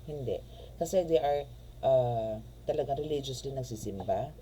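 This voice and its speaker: A man's voice: mid-range voice, expressive, normal speed, warm tone, a little hiss or hum. A man giving a casual tarot reading, chatty and polite, full of fillers and respectful asides. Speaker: tarot reader and spiritual healer.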